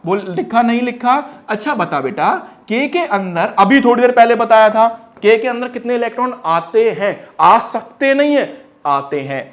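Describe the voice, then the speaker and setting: A male teacher with a high voice, giving a lively one-shot lesson. He teases his students and quizzes them in quick bursts, then answers himself. He often draws words out into a singsong. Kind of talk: energetic one-shot exam lecture.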